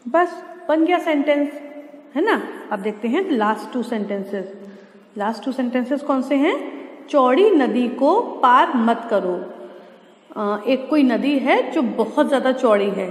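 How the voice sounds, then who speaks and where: A woman teacher giving a lesson, explaining sentence structure step by step and slowly sounding out English words. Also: high-pitched. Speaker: school teacher. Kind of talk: classroom lesson explaining translation. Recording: echoey room with long reverb.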